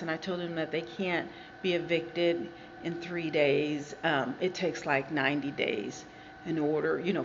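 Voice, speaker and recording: A woman's voice: low voice, a bit bright. An American woman vlogging casually from a garage, talking to her viewers in a chatty, digressive way. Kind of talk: casual rambling commentary to viewers. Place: garage with reflective acoustics. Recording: dull muffled sound with background noise, live garage.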